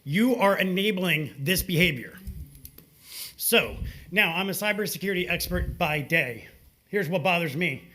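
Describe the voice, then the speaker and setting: A man's voice: high-pitched, animated, a little slow, pushed and bright. A man giving an impromptu public comment, confrontational and emphatic, repeating his points for stress.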